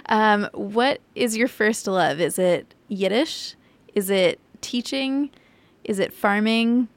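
Woman interviewer with a medium-pitched voice. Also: slow pace, no echo. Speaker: interviewer and podcast host. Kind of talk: radio-style interview hosting.

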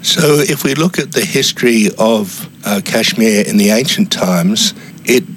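A man with a low voice hosts a radio interview. He phrases his introductions and questions in measured, halting pieces, with faint noise behind him. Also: lively intonation. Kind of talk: interview hosting.

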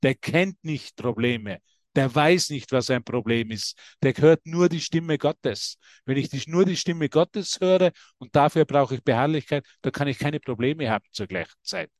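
A man giving a lively spiritual talk to a group, preaching and calling listeners by name. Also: on the high side, moderate pace, no echo, studio quality. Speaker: spiritual teacher.

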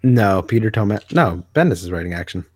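Rambling through a casual comics discussion, a male podcast co-host speaks briskly in a lowish, darkish voice with lively intonation, hesitating and often fixing what he just said. The audio is clean studio sound with no echo.

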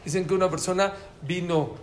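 A Mexican-accented lecturer talks about listening to a live audience, lively and full of questions for them. His voice sits high and he speaks a little fast, and the room is echoey with faint ambient noise in the background.

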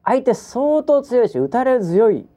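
A man's voice: extremely high pitch, big pitch swings, unhurried, mellow. A middle-aged man chatting enthusiastically about boxing on a talk show, rambling with many fillers. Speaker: regular guest on a talk show.

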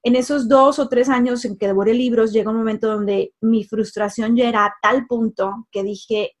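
A somewhat high-voiced woman recounts her own life as a life coach. She talks casually, repeats words for emphasis and fills pauses with "em" and "este". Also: steady tone. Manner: emphatic repetitions and frequent fillers. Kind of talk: personal life story told casually.

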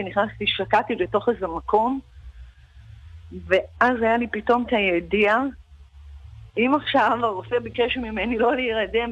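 A woman's voice: medium pitch, no room sound. A woman guest on a radio show, recounting a personal experience with feeling and repeating words for emphasis. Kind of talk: emotional personal testimony. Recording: dull dry radio recording.

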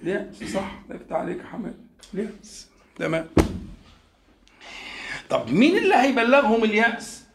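A man's voice: sits high, big pitch swings, brisk, gravelly, long pauses, a bit bright, reverberant, a little hiss or hum. A man with an Egyptian accent teaching a class, quizzing his students and drawing out key words to stress them. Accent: Egyptian Arabic. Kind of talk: classroom lecture on scripture.

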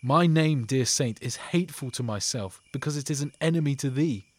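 A man's voice: mid-range voice, normal speed, natural voice. A man performing an ardent, devoted young nobleman in a Shakespearean scene, with earnest, declamatory delivery. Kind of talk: Shakespearean stage acting.

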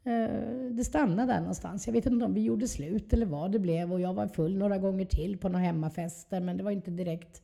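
A woman's voice: medium pitch, creaky, few pauses, mellow. A woman, telling her personal story candidly and reflectively as an interview guest. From southern Sweden.

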